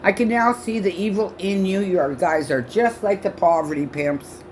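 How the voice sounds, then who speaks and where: On her own channel, a vlogger from Canada in her sixties rants angrily to camera, loud, profane and accusatory, her speech halting from false teeth. Her voice is loud and mid-range. There's slight background noise.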